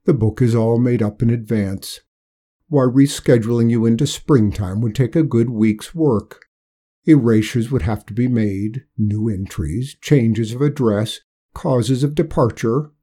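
A man voicing Death as a burly, weary, fussy bureaucrat with a low, measured, officious manner. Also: warm tone, breathy edge.

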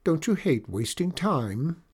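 A man reading a storybook aloud, voicing a bossy, quick-witted young princess with a brisk, commanding manner. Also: on the high side, sing-song, a little mellow, breathy edge, voice pushed up, full character voice.

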